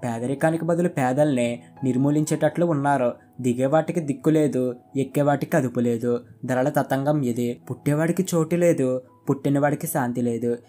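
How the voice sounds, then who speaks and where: A man's voice: medium pitch, moderate pace, dark tone, close to an everyday voice. Casting note: a loyal village man, deferential yet preachy, voiced by a male storyteller; faint guitar plays underneath. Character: humble village newspaper reader, outspoken and loyal.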